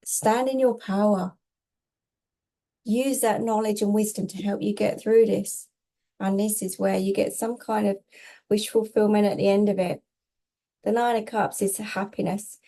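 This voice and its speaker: A woman's voice: mid-range voice, steady tone, moderate pace, gravelly, warm tone. A woman tarot reader giving casual spiritual guidance, reassuring and emphatic, often repeating herself in short phrases.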